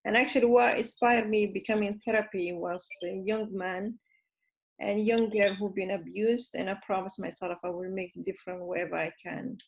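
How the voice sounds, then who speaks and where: A woman therapist introducing herself on an online panel call, speaking haltingly and searching for words. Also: medium pitch, steady tone, creaky, slightly rough, poor audio. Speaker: psychotherapist panelist.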